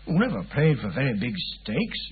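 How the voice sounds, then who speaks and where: An actor playing a weary, puzzled English police inspector, chatty and deferential, in a 1950s radio drama. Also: male voice, medium pitch, huge pitch swings, moderate pace, narrow, tinny audio, faint music behind. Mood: confiding. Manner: hesitant, colloquial, deferential.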